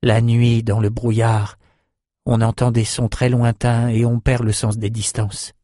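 A man's voice: mid-range voice, flat delivery, measured pace, dark tone, dry recording, clean studio sound, close to an everyday voice. A man reading the part of a young male islander who tells, half mocking himself, how he was lost at sea. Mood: earnest. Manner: earnest, self-mocking storytelling. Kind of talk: audiobook character reading.

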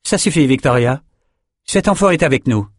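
A man's voice: mid-range voice, expressive, normal speed, no room sound, voice pushed up, natural voice. A fearless sorceress with a raised voice, blunt and curt, who speaks her mind in a storybook reading, put on by a male narrator. dry, close sound. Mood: firm. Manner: frank, curt.

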